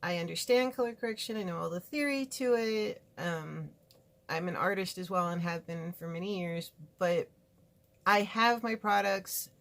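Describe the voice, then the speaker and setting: With a lowish, slightly bright voice at normal speed, a woman from California, USA, chats through a makeup review in her home studio. As a beauty vlogger she's frank and rambling, full of asides.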